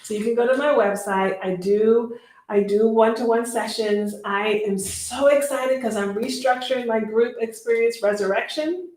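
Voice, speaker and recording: A woman hosting a casual live-stream chat as an energy healer, speaking in effusive, drawn-out phrases. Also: fairly high pitch, a little mellow. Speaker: host and Reiki energy healer. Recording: echoey room with faint noise.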